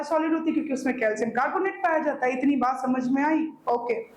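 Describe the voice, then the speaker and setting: A woman's voice: high-pitched, slight background noise. A woman teacher with a Hindi accent giving a classroom lecture, often checking that students follow and repeating answers as she points to her own body. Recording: echoey room, faint ambience.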